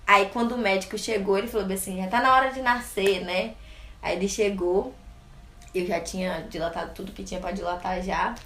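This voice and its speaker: A woman's voice: medium pitch, steady tone, fairly quick, a bit bright, reverberant. A young Brazilian woman in her twenties, recounting a personal experience in an interview with frequent laughter. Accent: Brazilian Portuguese. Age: 20s. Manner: laughs often while telling, acts out quoted voices. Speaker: interview guest. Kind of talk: casual personal storytelling.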